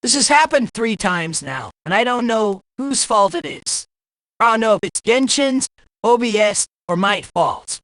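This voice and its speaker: Clean studio sound with no echo captures an expressive, medium-pitched, slightly bright voice that moves a little slowly. A game streamer offers blunt, exasperated, grumbling livestream commentary over game music, seemingly using a voice changer.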